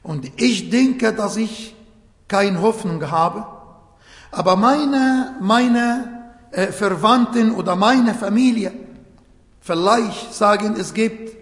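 A man preaching a sermon in a slow, halting way, often restarting phrases and searching for words, with earnest emphasis. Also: high-pitched. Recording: echoey hall with long reverb.

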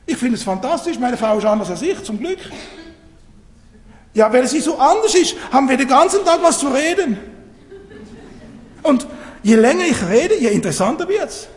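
Middle-aged male preacher, animated and high-pitched, conversational sermon in a reverberant church hall. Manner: lively, conversational, asks the congregation questions.

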